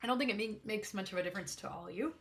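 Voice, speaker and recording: A woman with a slightly gravelly voice hosts an art demonstration in casual chat, rambling, interrupting herself and apologizing as she goes. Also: medium pitch, rapid-fire. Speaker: host of an art livestream swatching watercolors. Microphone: backup microphone.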